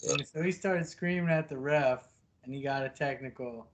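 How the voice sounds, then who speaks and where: A man's voice: mid-range voice, normal speed. A man co-hosting a podcast, chatting casually in English and swearing freely as he banters about basketball. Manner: loose, profane banter. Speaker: podcast co-host. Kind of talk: casual chat.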